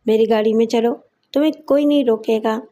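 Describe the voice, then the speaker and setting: A woman's voice: on the high side, steady tone, vocal fry, mellow. A woman narrator voicing a scheming, commanding man who gives assurances, in an audio story. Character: scheming powerful man, adult.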